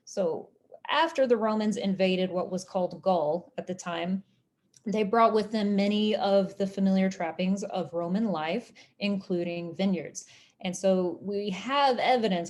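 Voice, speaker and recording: A woman from Oklahoma with an American accent lecturing on history in a measured, explanatory way with deliberate phrasing. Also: medium pitch, darkish tone. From Oklahoma, United States.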